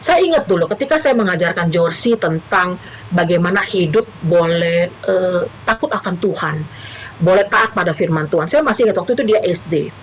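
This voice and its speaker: A woman's voice: on the low side, expressive, moderate pace, a little hiss or hum, poor audio. A middle-aged woman, a university lecturer, giving an earnest church talk to the congregation. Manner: earnest, addresses listeners as brothers and sisters. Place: church service.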